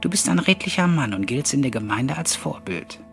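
A man voicing a vain, irascible old male ghost of a lord in an audiobook, pompous and prone to shouting. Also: mid-range voice, big pitch swings, brisk, gravelly, soft background music, pitched above the performer's own voice. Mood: haughty.

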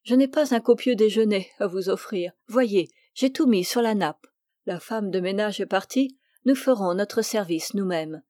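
A woman's voice: medium pitch, normal speed, a little mellow, no echo, clean studio sound, lightly acted. A woman reading the part of a frank, spirited young woman painter in an audiobook. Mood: cheerful.

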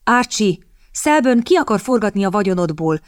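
A woman doing a calm, steady army captain. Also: mid-range voice, no room sound, studio quality, close to an everyday voice. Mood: urgent. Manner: composed, firm.

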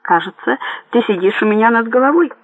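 Hoarse, stubborn military man under siege, voiced by a man, dry recording. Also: extremely high pitch, lively intonation, a little fast, no echo, voice pushed up, rough recording. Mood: defiant. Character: hoarse cornered male army major, defiant.

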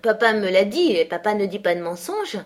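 An earnest, quick-tempered teenage girl, as a woman reader puts her on. She speaks eagerly and flares up with indignation, at a middling pitch lifted a little above the narration. It sounds like a novel read aloud. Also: a little mellow, lightly acted. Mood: indignant.

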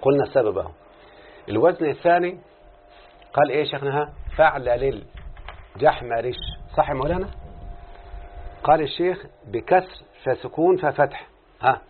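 A man's voice: medium pitch, animated, normal speed, long pauses, slightly rough. A man with an Egyptian Arabic accent teaching a classroom lesson. He keeps checking in with his students, repeats points, and stretches out syllables as he explains. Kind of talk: classroom lesson with call-and-response. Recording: tinny phone-like lo-fi sound with faint background noise.

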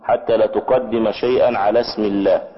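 A man's voice: lowish voice, steady tone, highs cut off. Egyptian man teaching Arabic grammar. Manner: explains patiently, checks understanding with quick questions to students. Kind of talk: classroom grammar lesson.

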